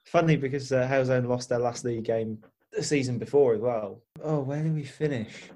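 A chatty man, a football club insider appearing as a podcast guest, talks casually in a self-deprecating way and hedges with "I think". His voice is medium-pitched and mellow, and he speaks fairly quickly.

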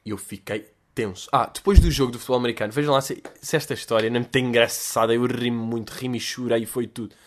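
A man's voice: medium pitch, moderate pace. Slangy young Portuguese man telling stories. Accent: European Portuguese. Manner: slangy and animated, gets louder when excited. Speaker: podcast host. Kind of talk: casual storytelling monologue.

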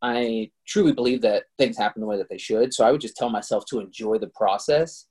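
A man who is a guest on a casual podcast, talking in a relaxed, reflective way with plenty of fillers. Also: medium pitch, brisk, breathy edge. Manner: relaxed and reflective, laid-back filler-heavy speech. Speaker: guest, Muay Thai fighter and kettlebell trainer.

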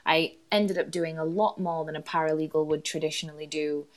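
Chatty Yorkshire woman, low voice. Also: fairly even intonation, brisk. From Yorkshire, England. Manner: chatty, self-deprecating, laughs often. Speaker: guest, employment lawyer. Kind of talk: casual interview chat.

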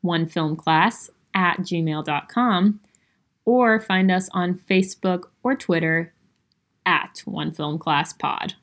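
A woman's voice: lowish voice, slow pace, a bit bright. A woman co-hosting a casual podcast, reading reviews aloud with self-mocking asides. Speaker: podcast co-host.

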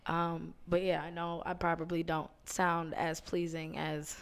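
Brief: hoarse woman podcast co-host, raspy and blunt, low-ish smooth voice. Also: little pitch movement, a little slow. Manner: blunt, profane, slangy. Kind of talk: casual chat.

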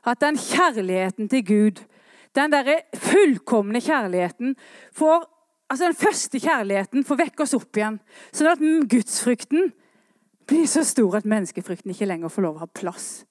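A woman preaching a sermon, swinging between quiet earnest talk and impassioned rising calls. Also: on the high side, expressive, no echo, studio quality.

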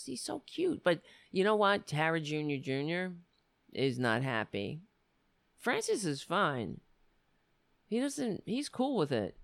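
Raspy American woman, animated and unhurried. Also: deep voice, dry recording. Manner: blunt, emphatic, repeats phrases. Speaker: livestream show host. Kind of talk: casual livestream monologue with political commentary.

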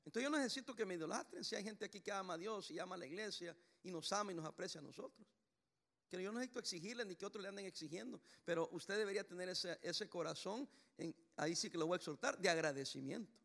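Male pastor, middle-aged, animated sermon, high gravelly voice. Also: fast talker. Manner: animated, acts out voices in storytelling.

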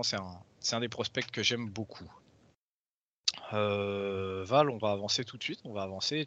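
A man's voice: fairly low pitch, bright, forceful tone. A man hosting a casual sports analysis discussion, speaking in hesitant phrases peppered with English jargon. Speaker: sports podcast host. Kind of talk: casual American football draft analysis.

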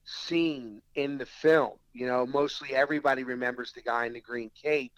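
A mid-range voice moving at a moderate pace belongs to an actor guest with a South Philadelphia accent. Over dry, dull audio, he spins anecdotes in a casual interview, animatedly quoting the people in them.

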